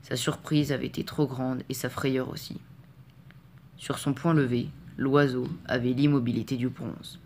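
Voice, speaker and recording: A male audiobook reader narrating a storybook chapter. His pitch sits at an ordinary middle height, and he reads in a measured, calm and steady way. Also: a little hiss or hum.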